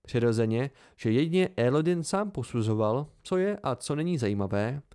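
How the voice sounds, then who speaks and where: A man reading an amateur audiobook in a steady, unhurried way. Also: medium pitch, smooth. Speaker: audiobook reader.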